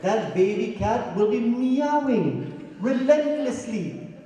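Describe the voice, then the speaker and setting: Speaking slowly and expressively, a Guyanese pandit with a very high, warm voice preaches to a congregation, questioning them and chanting Sanskrit verses. The sound is distant and echoey, as in a large hall.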